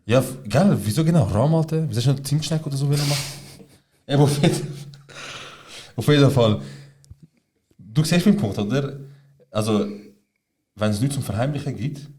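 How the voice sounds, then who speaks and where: A man's voice: mid-range voice, moderate pace, long pauses, dark tone. A young man co-hosting a casual podcast, retelling a story with lots of slang, swearing and quoted dialogue. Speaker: podcast co-host.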